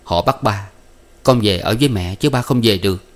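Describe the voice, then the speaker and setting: A man voicing a jailed husband who gives calm, resigned instructions to his wife. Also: fairly low pitch, normal speed, close to an everyday voice.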